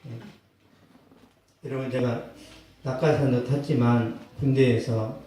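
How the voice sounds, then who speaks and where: A male pastor preaching a sermon, telling a personal story with acted quotes and bursts of loud emphasis. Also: mid-range voice, steady tone, slow, far from the mic, a little hiss or hum. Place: church sanctuary. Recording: echoey church hall, mic from afar.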